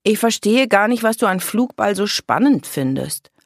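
A woman's voice: medium pitch, very animated, moderate pace, no room sound, studio quality, voice pushed up. A woman voicing a cheeky, sleepy young vampire girl in an audiobook. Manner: cheeky, offhand. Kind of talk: audiobook character voice.

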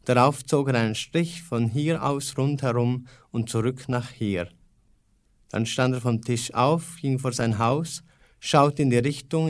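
A man narrating a short story aloud in a calm, even reading manner. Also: mid-range voice.

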